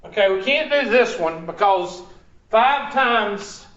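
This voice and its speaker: Working math problems out loud, a male teacher questions his class, speaking slowly and expressively in a high voice. The background is noisy, and the echoey room makes the recording sound dull and far away.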